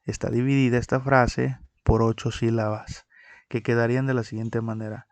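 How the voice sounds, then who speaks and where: A man's voice: mid-range voice, little pitch movement, normal speed, a little mellow, no echo. A man teaching a recorded lesson on poetic meter, explaining step by step and counting syllables aloud.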